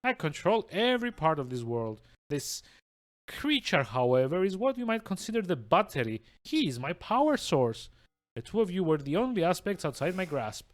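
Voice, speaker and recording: A man's voice: high-pitched, sing-song, normal speed, pitched above the performer's own voice. A man voicing a smug, bored villain in a golden mask from a video game, with a pompous, languid, menacing manner. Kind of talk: reading video game dialogue aloud.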